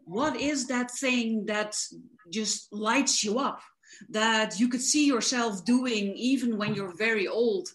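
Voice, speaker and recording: A woman from the Netherlands, a guest on a relaxed interview, talks slowly about her coaching work with fluency and enthusiasm, her pitch fairly high.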